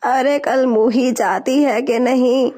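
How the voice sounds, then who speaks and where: A woman's voice: sits high, steady tone, dark tone, close to an everyday voice. A woman voicing a spiteful, bossy old female sparrow mother-in-law who scolds. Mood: scolding.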